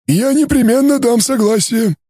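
A man's voice: very high voice, normal speed, dark tone, husky, no room sound, clean studio sound, pitched above the performer's own voice. A man voicing a cold, calculating male alien scholar who speaks in a formal, gurgling way. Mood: coolly logical.

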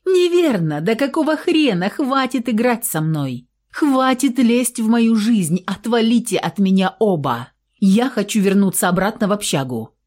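An indignant young student girl, put on by a woman reading a story aloud snaps and shouts in a raised, swooping voice. The tone stays mellow underneath, read in a storybook manner. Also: medium pitch, big pitch swings, normal speed, pitched above the performer's own voice. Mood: furious. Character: angry rebellious young woman student, near eighteen.

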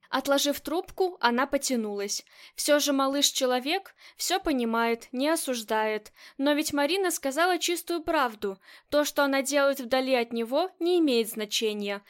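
A woman with a high, light voice reading a novel aloud as an audiobook. Her narration is scripted, even and clear.

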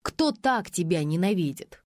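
A woman's voice: fairly low pitch, expressive, measured pace, a little mellow, dry recording, clean studio sound. A woman reader voicing a persistent man who keeps questioning and reasoning insistently. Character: firm middle-aged man, questioning, persistent.

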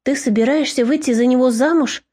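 A woman's voice: sits high, a little fast, darkish tone. A woman doing a fierce old grandmother. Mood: pleading.

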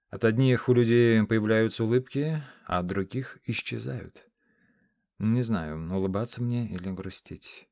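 A man narrating a fantasy audiobook in first person with steady, even storytelling. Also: on the low side, no echo, clean studio sound. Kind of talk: scripted narration.

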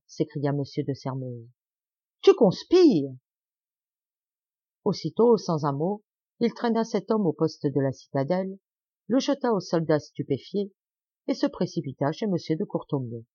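A woman narrates a classic novel for an audiobook, her pitch rising and falling in wide, lively swings as she throws herself into the characters' outbursts. The sound is dry and close, with a somewhat dull, muffled tone. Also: no echo. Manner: acts out the dialogue with raised pitch and volume. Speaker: audiobook reader.

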